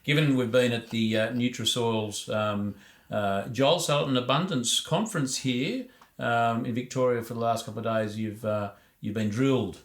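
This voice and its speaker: An Australian man speaking as a podcast host and interviewer, with a somewhat hesitant, halting delivery. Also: lowish voice, steady tone.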